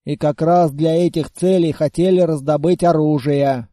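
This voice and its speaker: A man voicing a calm, matter-of-fact male colonist comrade in an audiobook, speaking in a dry, practical way. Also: on the high side, normal speed, no room sound, lightly acted.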